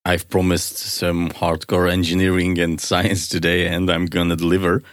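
A man's voice: low voice, completely flat delivery, normal speed, no echo, clean studio sound. A man hosting a science podcast in a conversational, explaining style, with an enthusiastic, curious manner. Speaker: podcast host.

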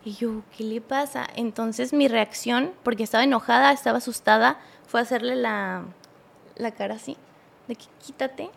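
Young Mexican woman, podcast guest, raspy-edged voice on the high side, halting, casual storyteller. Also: steady tone. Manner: halting, with many restarts and acted-out quotes.

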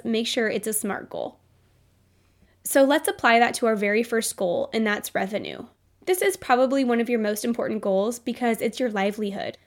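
A young adult woman hosting a solo business podcast, upbeat and motivational, her voice nasal from a cold. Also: fairly high pitch. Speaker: podcast host.

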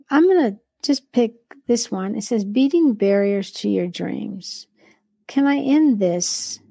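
A woman with a gravelly, fry-tinged voice and a warm, mellow tone speaks about faith and business in an earnest, conversational way. She often quotes scripture and sometimes stops to correct herself mid-sentence. The recording is dry and close, with no room sound. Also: medium pitch, dry recording. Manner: restarts and self-corrections. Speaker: entrepreneur and devotional author. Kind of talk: faith-based conversational sharing.

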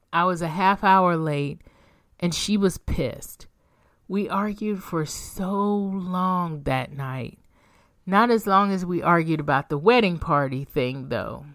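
A woman reading as an intense grown man, slow and low. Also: no echo, clean studio sound. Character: adult man, a lover, intense and direct.

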